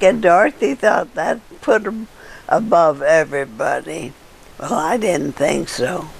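An older woman being interviewed, telling old neighborhood stories in a halting way with fillers and chuckles. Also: on the low side, vocal fry. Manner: halting storyteller with frequent laughs and fillers. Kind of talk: casual reminiscing.

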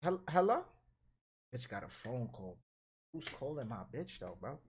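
A man's voice: mid-range voice, big pitch swings, a little slow. A young man streaming from a bedroom on a headset, brashly teasing strangers on video chat with crude jokes. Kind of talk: casual trolling banter. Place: small bedroom with blinds.

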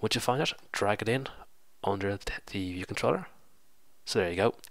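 Low, bright-toned man with a cold. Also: lively intonation, brisk, creaky, no room sound. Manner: casual, explaining step by step, self-correcting. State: congested with a cold. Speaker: programming tutorial host. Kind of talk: screen-recorded coding tutorial.

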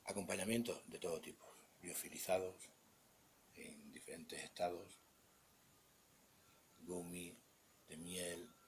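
A man with a Spanish accent and a very low voice walks a phone camera around a buffet table indoors. He speaks off the cuff as a cheese expert, halting and rambling, often trailing off into murmurs. Faint room noise sits under his voice. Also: level tone. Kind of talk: unscripted walkthrough. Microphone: handheld phone camera.

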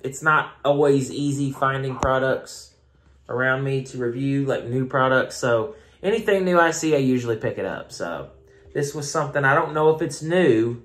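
A man's voice: medium pitch, moderate pace, fairly bright tone. Chatty Southern man reviewing beer. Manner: chatty, rambling, self-mocking. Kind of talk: casual review vlog. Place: home room. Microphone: phone camera.

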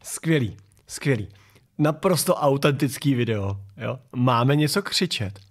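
A man's voice: mid-range voice, lively intonation. Sarcastic man hosting commentary. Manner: mocking, sarcastic. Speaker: political commentary show host. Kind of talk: sarcastic commentary over video clips. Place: garage.

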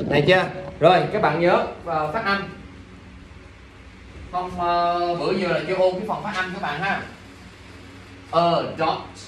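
A young man teaches English vocabulary to a class, drilling words and firing questions at students. His voice sits high and he sounds worn out by their mistakes. The recording picks him up from across an echoey classroom, with a faint hum of room noise behind him. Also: a bit bright, far from the mic. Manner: drills pronunciation, quizzes students, exasperated asides.

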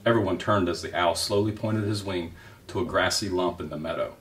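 A man reading a children's novel aloud in a gentle, unhurried storytelling manner. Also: low voice, recorded from a distance.

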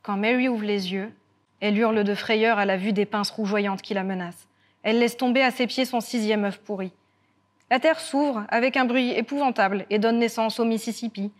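A woman storyteller telling a folk tale with guitar accompaniment, lively and expressive with dramatic pauses. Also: on the high side. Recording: guitar music throughout.

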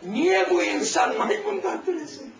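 A very high-pitched man with a lively, swooping delivery tells stories to young listeners, often breaking into a shout and acting out the dialogue. He sounds distant from the mic in a roomy, echoing space. Steady background noise runs under his voice. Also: moderate pace. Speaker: religious storyteller giving a talk. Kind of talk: anecdotal religious talk to young listeners.

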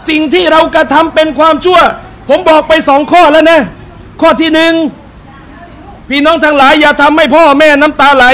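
A man's voice: extremely high pitch, fairly bright tone. A man preaching a sermon to a live audience, telling personal anecdotes and calling out to his listeners as brothers and sisters. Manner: tells personal anecdotes and acts out short quotes. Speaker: Islamic religious teacher. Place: restaurant hall with a live audience.

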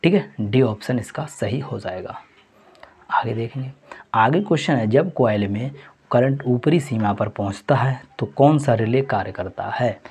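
Going through a mock test with his viewers, whom he keeps calling friends, a male teacher restates each answer more than once. His husky, slightly breathy, mid-pitched voice has a darkish tone, and he takes his time.

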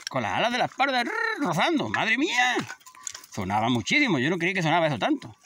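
A man's voice: a little high, wildly swooping pitch, rapid-fire, background noise. A man in his fifties, a shepherd chatting casually outdoors in a vlog. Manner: chatty, scolds animals between stories. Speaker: shepherd vlogger. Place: outdoors in a field.

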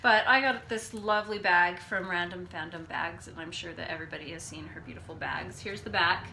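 A woman's voice: fairly low pitch, fairly quick, creaky, bright, forceful tone, a little hiss or hum. A woman co-hosting a casual podcast, with a nasal voice and an easy, laughing chat. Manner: chatty, laughs easily. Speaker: podcast co-host. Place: home room, recorded on a phone.

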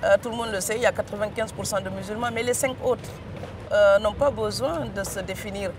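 A woman's voice: medium pitch, fairly quick. Senegalese woman guest, rolled R's, firm and emphatic, some noise underneath. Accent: Senegalese French. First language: Serer. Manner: emphatic, rolled R, frequent hesitation fillers. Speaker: author guest. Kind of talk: studio interview.

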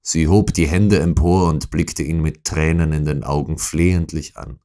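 A man narrating a classic detective story in a measured, deliberate storytelling manner. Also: extremely low pitch, fairly even intonation, dark tone. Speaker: audiobook narrator. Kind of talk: scripted narration.

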